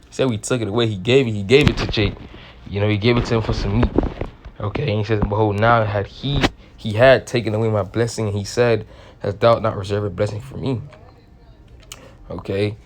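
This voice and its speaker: A man's voice: lowish voice, steady tone, fairly quick, noisy background. A man reading old-fashioned scripture aloud and explaining it in loose, slangy talk with swearing. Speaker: Bible teacher. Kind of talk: casual Bible study reading.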